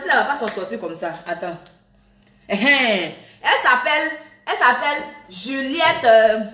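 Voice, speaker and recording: A young woman talking casually to her followers from home in a live video, animated and repetitive, scolding and then laughing it off. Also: mid-range voice, slight background noise. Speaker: social media personality. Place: at home, indoors. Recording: echoey room, voice a bit far from phone.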